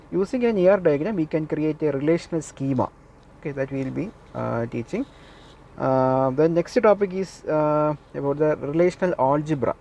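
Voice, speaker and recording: A man's voice: fairly high pitch, warm tone, muffled recording, slight background noise. A man lecturing a class, repeating key points and often checking with the listeners that they follow.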